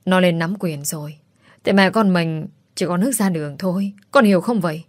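A woman's voice: on the low side, brisk, no echo, clean studio sound, natural voice. A woman voicing a cruel, scheming middle-aged stepmother in a storybook reading, with a sneering, contemptuous manner. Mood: bitter.

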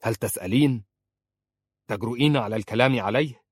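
A man's voice: fairly low pitch, moderate pace, slightly rough, no room sound, clean studio sound. A man voicing a harsh, menacing young man. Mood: harsh anger. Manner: shouting threats, cold and domineering. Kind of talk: audiobook character reading.

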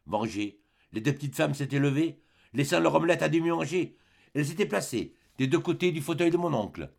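A man narrating a classic novel as an audiobook in a measured, dramatic manner. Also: medium pitch, creaky. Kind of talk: scripted literary narration.

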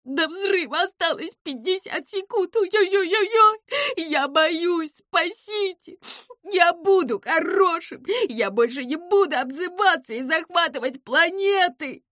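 A woman's voice: expressive, measured pace, no room sound, clean studio sound, full character voice. A woman reading a storybook aloud, voicing a small, boastful male alien villain who shrieks and whimpers. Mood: panicked wailing. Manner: shrill, yelling, boastful then whimpering.

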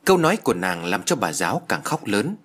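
A man narrating an audiobook story in an expressive storytelling manner. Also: lowish voice, fairly quick.

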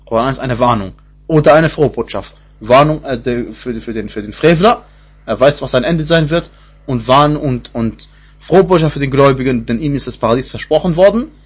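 A man giving a spoken lesson in Quran commentary, repeating himself with many fillers and restarts, and slowing into chant-like Arabic phrases. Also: mid-range voice, slightly rough. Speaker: Quran teacher. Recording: dull lo-fi recording.

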